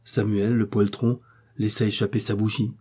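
Husky low-voiced guy narrating an old novel, mellow tone. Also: level tone, moderate pace. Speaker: audiobook narrator. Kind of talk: scripted narration.

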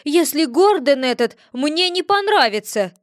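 A woman voicing a greedy, excitable male cat familiar who whines and protests loudly. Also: high voice, measured pace, dry recording, clean studio sound, pitched above the performer's own voice. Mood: indignant. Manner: whiny, indignant, loud.

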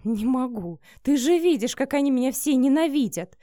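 A woman's voice: high-pitched, animated, normal speed, mellow, no room sound, studio quality, pitched above the performer's own voice. A woman voicing an anxious, hurt young office worker in an audiobook, speaking plaintively and defensively.

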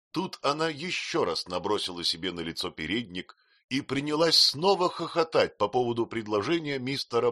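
A man narrating an audiobook with an expressive, animated reading. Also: low-pitched, no echo, studio quality.

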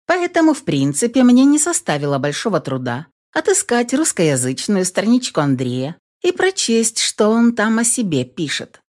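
Female audiobook narrator, first-person prose, expressive and lively, middle pitch. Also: normal speed, hardly any pauses.

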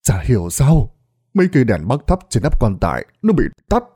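Frantic, hurried village voices and a gruff old exorcist, acted by a man telling a ghost story. The pitch leaps around. The pace runs fast. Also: wildly swooping pitch, warm tone, full character voice. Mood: panicked. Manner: urgent, rushed dialogue.

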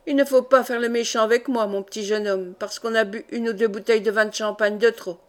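A woman reading aloud voices a huge, gruff doorman who mocks and threatens a visitor. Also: a little high, fairly even intonation, fairly quick, close to an everyday voice. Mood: mocking threat. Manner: mocking, threatening.

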